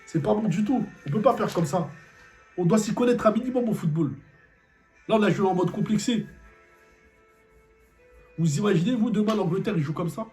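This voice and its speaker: An angry man rants through a football debrief, circling back to the same complaints again and again. His voice sits slightly high, and soft music plays underneath. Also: moderate pace, long pauses. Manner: angry, repetitive rhetorical questions. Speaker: football vlogger. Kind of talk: post-match debrief rant.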